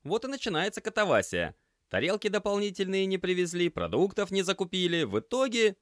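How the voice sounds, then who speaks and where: A man voicing a quick, unflappable young kitchen hand who snaps orders and quips in an audiobook. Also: sits high, sing-song, dry recording, clean studio sound, pitched above the performer's own voice. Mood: brisk. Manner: snappy, brisk. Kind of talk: audiobook character voice.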